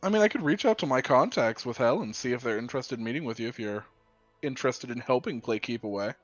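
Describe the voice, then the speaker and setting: Man playing sly, lively fixer Elijah Dumont. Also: medium pitch, quick pace, no echo, highs cut off, natural voice. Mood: sly, teasing. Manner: casual, teasing, evasive. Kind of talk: tabletop role-play.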